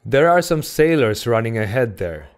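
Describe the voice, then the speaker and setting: A man voicing a brisk, impatient young male sailor in an audiobook, curt and dismissive. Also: medium pitch, big pitch swings. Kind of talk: audiobook character voice.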